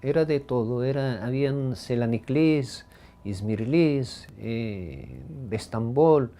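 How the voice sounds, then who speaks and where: A Bronx-raised man with a Ladino-speaking New York accent talks through his life story, steady at a middle pitch. His voice is mellow and warm rather than bright. He is thoughtful, often pausing on a drawn-out "eh" before going on. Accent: Ladino-speaking New Yorker. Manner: thoughtful, with frequent "eh" pauses. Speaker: interviewee. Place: his home.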